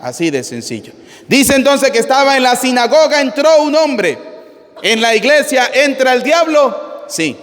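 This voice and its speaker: Blunt high-voiced priest in a reverberant church. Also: male voice, big pitch swings, moderate pace, a bit bright. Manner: blunt, asks the congregation rhetorical questions. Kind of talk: live sermon on the Gospel.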